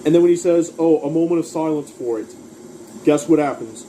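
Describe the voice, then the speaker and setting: A man's voice: fairly high pitch, fairly quick, warm tone, slight background noise, rough recording. A man casually recapping a cartoon episode, rambling through the plot and quoting lines along the way. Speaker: cartoon reviewer.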